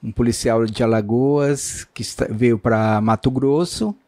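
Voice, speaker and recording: A man's voice: medium pitch, fairly even intonation, measured pace, darkish tone, dry recording, studio quality. A man hosting an interview, asking questions in a loose, conversational way with tag questions. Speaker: host and interviewer.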